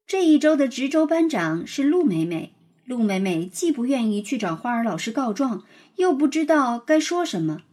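A woman with a husky voice narrating a children's storybook in an expressive read-aloud manner. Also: high voice, moderate pace.

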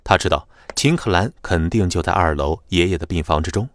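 Deep-voiced male audiobook narrator. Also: brisk, no room sound. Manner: lively, dramatic storytelling.

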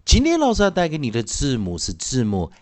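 A man teaching an English phonics lesson, slowly drawing out and repeating each sound for his students. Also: medium pitch, wildly swooping pitch, a little mellow, no room sound.

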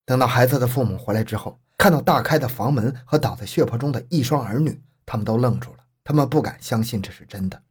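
A man tells a true-crime story as a scripted narration, measured and grave. His voice sits at an ordinary middle pitch with a husky, slightly rough edge.

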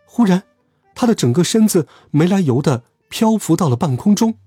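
Husky lively storybook narrator man. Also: sits high, normal speed, dry recording, clean studio sound, faint music behind. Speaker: children's storyteller. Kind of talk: reading a children's story aloud.

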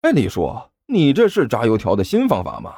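A man's voice: wildly swooping pitch, a little fast, mellow, slightly rough, no echo, clean studio sound, full character voice. A man voicing a cheeky, chubby young man who sounds exasperated and whiny. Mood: teasing. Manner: whiny, exasperated, high-pitched.

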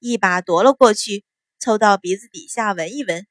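Expressive woman reading a novel aloud. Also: medium pitch, moderate pace, no echo, clean studio sound. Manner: expressive storytelling. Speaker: audiobook narrator. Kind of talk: novel reading with character voices.

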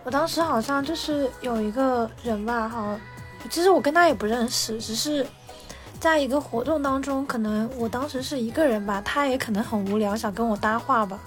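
A woman guest on a podcast, chatting casually and telling a story in a quick, animated way, often repeating words as she starts a sentence. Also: on the high side, soft background music. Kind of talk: casual chat, telling an anecdote.

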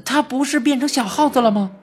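A woman's voice: high-pitched, fast, faint music behind, voice pushed up, natural voice. Woman doing a flustered young boy. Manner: anxious, protesting.

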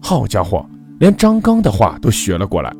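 A man's voice: fairly low pitch, wildly swooping pitch, darkish tone. Man narrating a ghost story over music. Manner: measured, dramatic storytelling.

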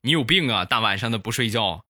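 A man voicing his sharp-tongued young wife, nagging and scolding. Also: medium pitch, animated, quick pace. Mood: annoyed.

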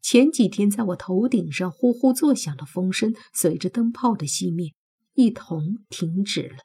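A woman reading a novel aloud as its first-person narrator, in a steady storytelling manner. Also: medium pitch, normal speed, husky. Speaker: audiobook narrator.

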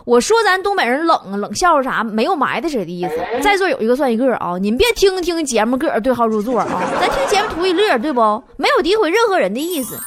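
A comedy show host from Northeast China talks fast with hardly any pauses, her high-pitched voice swinging widely in pitch over slight background noise. With a Northeastern Mandarin accent, she delivers a playful comic monologue, laughing often as she tells her stories.

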